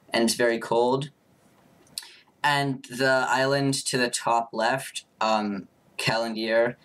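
A young man as game master, narrating a tabletop game in a casual, halting way. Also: mid-range voice, fairly bright tone.

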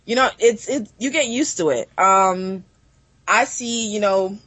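A woman's voice: mid-range voice, unhurried, fairly bright tone, breathy edge, no room sound. A woman from Southern Africa with a Southern US accent, telling stories as a podcast guest in a sassy, playful smack-talking way. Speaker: podcast guest, lifestyle blogger. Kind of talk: casual chat.

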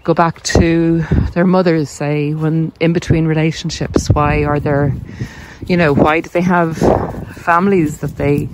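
This podcast host talks a little slowly, her low voice showing little pitch movement. She asks questions and answers them in a chatty, explanatory monologue, over loud vehicle noise, wind, and clicks.

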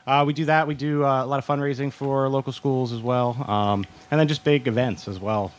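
A man's voice: mid-range voice, steady tone, a little fast. A man speaking casually as a guest, describing his small vending business. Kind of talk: casual interview chat.

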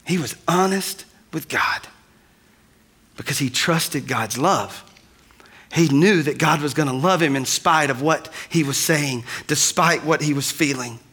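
A man preaching a sermon, shifting between quiet, drawn-out lines and loud cries. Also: on the high side, breathy edge. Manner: dynamic, swings from soft to loud. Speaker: pastor.

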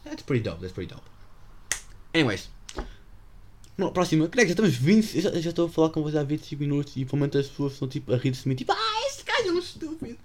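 A man's voice: fairly high pitch, lively intonation, quick pace, pauses often, a little hiss or hum. A young man in his teens with a European Portuguese accent, rambling jokily through a solo podcast and sprinkling in English slang. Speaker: podcast host. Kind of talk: casual solo podcast monologue.

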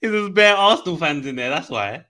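A man's voice: fairly high pitch, animated, normal speed, sharp tone, slight background noise. A man with a London roadman accent chatting casually about football, slangy, dismissive and repeating himself. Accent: London, urban street slang.

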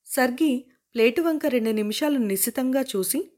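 Woman with a slightly high voice, reading a novel. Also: moderate pace, a little mellow. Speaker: narrator.

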